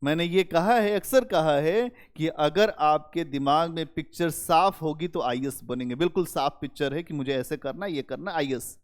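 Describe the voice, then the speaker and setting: A male history teacher giving a lively, conversational classroom lecture and talking straight to his students. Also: a little high, normal speed, few pauses. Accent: Hindi-speaking North Indian. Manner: animated, conversational, addresses students directly.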